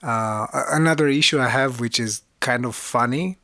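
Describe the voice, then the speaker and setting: A man co-hosting a casual podcast who teaches music, talking in halting bursts with frequent restarts. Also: medium pitch, sharp tone, dry recording, studio quality. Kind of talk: casual conversational podcast chat.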